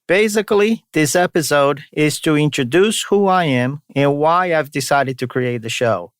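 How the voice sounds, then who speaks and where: Speaking at a moderate pace in a fairly high, clean voice, a Brazilian podcast host from São Paulo state runs an informal solo show. He's a native Portuguese speaker whose accent mixes Brazilian and Boston, dropping r's. The studio sound is clean, with no room sound.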